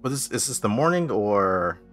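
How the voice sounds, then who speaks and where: A man's voice: fairly low pitch, sing-song, normal speed, fairly bright tone, faint music behind. A man playing a tabletop role-playing game, chatting casually at the table and partly speaking in character.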